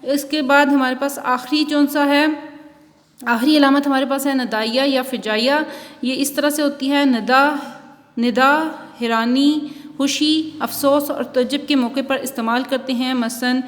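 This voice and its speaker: A woman teacher giving a recorded school lesson, explaining punctuation and reading a story aloud at a slow, careful pace. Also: high voice, fairly even intonation, big-room sound. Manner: reads textbook examples and a story aloud, explaining slowly. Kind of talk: online Urdu class lecture.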